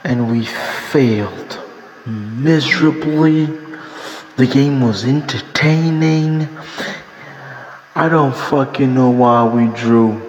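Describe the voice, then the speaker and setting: A frustrated man hosts a solo podcast, swearing constantly as he rants at an unhurried pace. His voice sits in a roomy space with a long reverb tail and a faint hiss underneath. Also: medium pitch. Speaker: podcast host.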